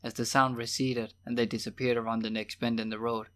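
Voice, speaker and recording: A man narrating a novel as an audiobook in a steady, measured reading voice. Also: medium pitch, clear, resonant tone. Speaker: audiobook reader.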